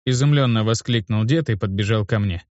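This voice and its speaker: A man narrating a first-person fantasy story in a measured, matter-of-fact way, in a dull, dry lo-fi recording. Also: on the low side, a little mellow, no room sound. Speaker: audiobook narrator.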